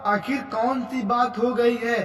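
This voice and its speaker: A performer voicing an exasperated son trying to settle a family quarrel in a cartoon comedy skit. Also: male voice, very high-pitched, fairly even intonation, a little slow. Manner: exasperated, placating. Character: weary son caught between wife and mother. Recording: echoey, distant, loud music behind.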